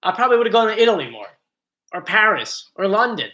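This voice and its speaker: This is a high-pitched, sing-song man who talks fast, his voice pushed and bright. Live streaming casually from the bedroom area of his home on a computer mic, he keeps joking, chatting, and slipping off topic.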